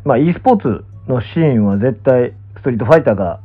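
A man's voice: mid-range voice, animated, fast talker, husky, soft background music. A young man with a Kansai accent chatting casually on a livestream, musing hesitantly and trailing off. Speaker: pro gamer and streamer. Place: small indoor room, lying down. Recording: muffled, thin phone-like audio.

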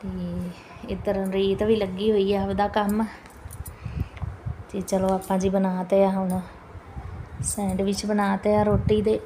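A woman's voice: mid-range voice, warm tone. A woman in her thirties with a Punjabi accent, narrating a casual home vlog in a chatty, homely way, addressing viewers with polite tags. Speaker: family vlogger, mother. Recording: clear background noise, home ambience.

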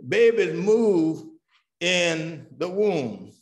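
A man's voice: sits high, expressive, extremely slow. Man teaching Sunday school, call and response. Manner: keeps asking "what?" and answering himself; punctuates nearly every point with "amen". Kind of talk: Bible study teaching.

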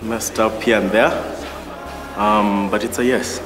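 A man, an audition contestant, speaking in a relieved, grateful and halting way. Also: on the low side, fairly even intonation, roomy sound, big-room sound, music in the background.

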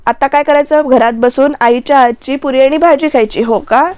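A woman's voice: high voice, fairly even intonation, a little mellow, clean tone, no echo, lightly acted. A woman quoting a sulky young wife. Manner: slow, plain quoted delivery.

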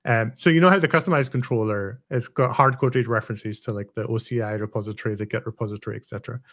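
A man's voice: on the low side, quick pace, a bit bright. A man with a Scottish accent hosting a technical interview, asking long questions and thinking aloud with tags like "right?". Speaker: host. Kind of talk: technical interview on a live stream.

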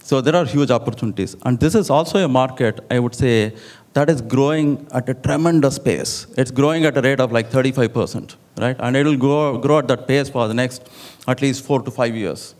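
A middle-aged man on a conference hall stage, talking into a handheld mic. He explains things steadily and fills his pauses with "you know". His voice sits at an ordinary middle pitch. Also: a little mellow. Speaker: panelist. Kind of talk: conference panel discussion. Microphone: handheld microphone.

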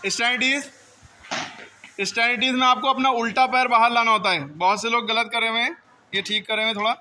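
A man's voice: very high-pitched, fairly even intonation, quick pace, pushed and bright, slight background noise, poor audio. A male school teacher explaining drill positions to students step by step, often checking if they understand. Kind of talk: classroom drill instruction.

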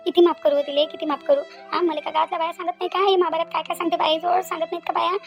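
Quarrelsome middle-aged village women , all voiced by one woman, trade shrill accusations in a cartoon squabble. The voice sits high and races along at a breakneck pace. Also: flat delivery, racing, vocal fry, music in the background. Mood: aggrieved. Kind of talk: cartoon voice acting.

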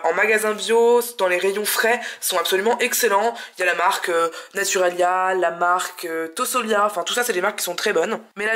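A woman's voice: mid-range voice, pushed and bright. A young woman hosting a home cooking vlog, chatty and enthusiastic, explaining each step as she cooks in her kitchen. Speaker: cooking channel host. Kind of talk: casual cooking vlog narration.

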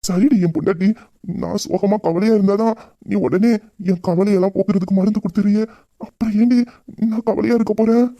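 Loving young husband voiced by a man, Tamil accent, quick, dark, close dry mic, romantic audio drama. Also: high voice, fairly even intonation, dry recording. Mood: teasing. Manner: intimate, heartfelt, rapid talk. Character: grieving young husband Veera, loving and tender.

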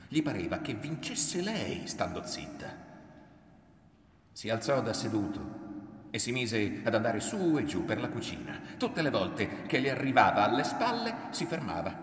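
A man reading a novel aloud in an expressive, dramatic narration. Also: lowish voice, slight background noise. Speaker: reader. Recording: roomy hall from far off.

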